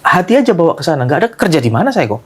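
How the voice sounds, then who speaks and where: A man in his thirties, a convert, telling his life story in an animated way on a talk show. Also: on the high side, rapid-fire, husky. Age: 30s. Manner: animated, acts out voices, frequent laughs. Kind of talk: lively personal storytelling.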